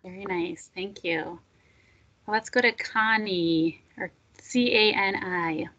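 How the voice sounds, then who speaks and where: Slow-speaking woman running a video call. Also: mid-range voice, sharp tone, highs cut off. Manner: upbeat, calls on each person by name. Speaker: meeting facilitator.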